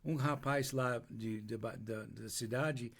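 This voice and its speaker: An older native English speaker from the United States tells his story in Portuguese, with an American accent, during an interview. His medium-pitched voice is creaky and a bit bright, and his slow telling is marked by many restarts and pauses for words.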